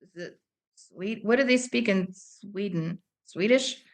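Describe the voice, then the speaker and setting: A woman appearing as a guest on a casual podcast, self-mocking and thinking out loud. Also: medium pitch, takes it slowly. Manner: self-mocking, talks herself through guesses.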